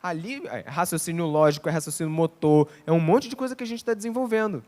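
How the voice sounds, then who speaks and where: A man's voice: on the high side, quick pace, darkish tone. A man with a Rio de Janeiro accent giving a conversational lecture, often acting out dialogue. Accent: Rio de Janeiro Portuguese. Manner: conversational, acts out quoted dialogue. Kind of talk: lecture on parenting.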